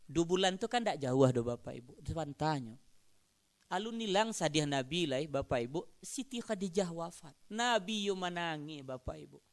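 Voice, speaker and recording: A man's voice: a little high, animated, moderate pace. A man with a Minangkabau accent preaching a sermon, often addressing and teasing the congregation. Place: mosque gathering.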